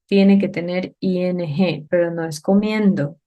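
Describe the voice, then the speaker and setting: This woman's voice sits on the low side with a warm tone, and the sound is lo-fi. She teaches English grammar at a whiteboard, going step by step, posing questions to confirm students follow, and saying example sentences slowly and with care.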